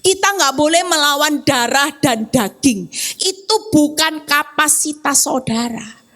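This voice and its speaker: A woman evangelist preaching a sermon in a lively way to a church congregation, acting out the voices she quotes. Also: high-pitched, measured pace. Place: church hall, on-site service.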